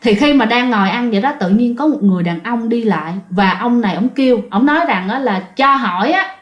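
A woman's voice: on the high side, lively intonation, fairly quick, muffled recording. A woman narrating a ghost story in a chatty way, talking directly to her listeners. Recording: roomy echo.

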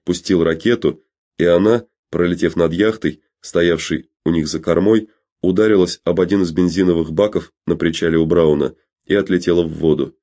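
A male narrator reading a novel aloud at a steady, measured pace. His voice is very deep and dark, with a mellow, relaxed tone. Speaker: audiobook narrator. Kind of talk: literary audiobook narration.

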